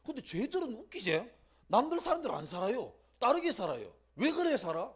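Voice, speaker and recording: A middle-aged man preaching to teenagers at a church retreat, switching between hushed asides and loud acted-out prayers. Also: extremely high pitch, fairly quick, husky. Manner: animated, swings from hushed to shouting, acts out prayers. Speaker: youth pastor. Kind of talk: sermon. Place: church youth winter retreat.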